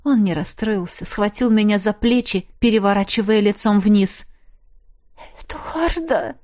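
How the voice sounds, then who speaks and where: A woman reading a first-person audiobook in a measured, expressive storytelling manner. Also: medium pitch. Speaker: audiobook narrator.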